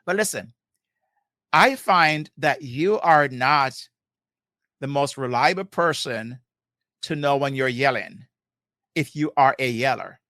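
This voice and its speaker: A man hosting a marriage show, teaching in a quick, emphatic, preacher-like way with lots of repetition and quoted scripture. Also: mid-range voice, sharp tone, no room sound, studio quality. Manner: quotes Bible verses, chuckles often. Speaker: marriage podcast host.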